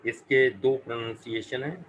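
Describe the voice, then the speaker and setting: Slow-talking male teacher. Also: mid-range voice, a bit bright, dull audio, a little hiss or hum. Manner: slow, careful pronunciation drills, repeating words. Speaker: English teacher. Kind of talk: live online vocabulary class.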